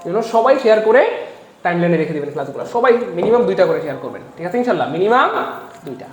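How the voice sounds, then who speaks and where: High-voiced energetic tutor. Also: male voice, racing, reverberant, a little hiss or hum. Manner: energetic, repeats phrases, asks the audience questions. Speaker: exam-prep English teacher. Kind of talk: online class lecture.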